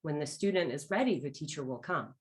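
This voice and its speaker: A woman's voice: sits low, expressive, fairly quick. A woman naturopathic doctor as an interview guest, easygoing and chatty, laughing now and then. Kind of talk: casual conversational interview.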